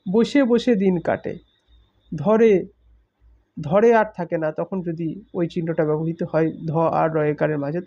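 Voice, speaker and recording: A man teaching a grammar lesson, explaining slowly with examples and stressing key words. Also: high voice, darkish tone. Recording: muffled lo-fi recording.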